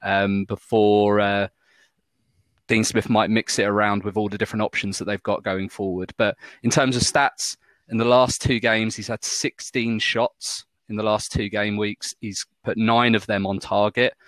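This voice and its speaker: A man's voice: fairly low pitch, flat delivery, moderate pace, fairly bright tone, no echo. A man with a Maltese accent chatting casually as a panellist on a football podcast. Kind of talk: casual fantasy football chat.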